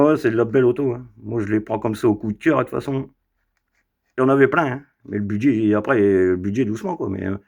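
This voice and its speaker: A man's voice: medium pitch, vocal fry, darkish tone. A man casually showing off his toy car collection, chatty and rambling with lots of fillers and asides. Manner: chatty, rambling, many fillers and tag questions. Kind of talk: casual unboxing vlog. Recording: slightly dull lo-fi sound.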